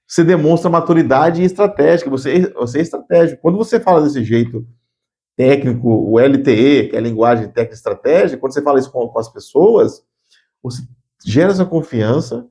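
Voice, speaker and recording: A man gives an earnest spoken lesson on workplace communication in a brisk, mellow, mid-range voice. He often repeats words as he thinks, and he acts out curt, bossy phrases as examples.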